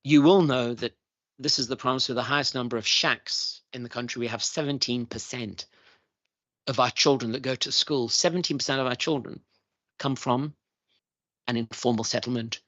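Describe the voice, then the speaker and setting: The dull, lo-fi committee room audio carries a middle-aged man's earnest, emphatic testimony; he is the chief schools evaluator and keeps repeating his main points to the parliamentary committee. His mid-range voice is fairly bright, at normal speed, with no echo.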